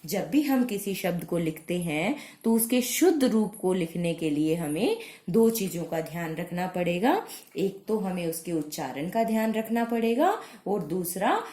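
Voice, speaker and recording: A woman teacher gives a grammar lesson to young children. She talks slowly and patiently, repeating words so they stick, in a mellow, soft tone. The recording carries a clear echo from the room. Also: fairly low pitch, expressive. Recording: echoey room.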